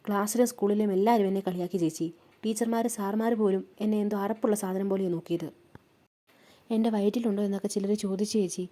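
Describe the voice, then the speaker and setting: A woman's voice: medium pitch, fairly even intonation, fast, warm tone, natural voice. A woman voicing a hurt, tearful teenage schoolgirl who complains and questions. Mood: upset.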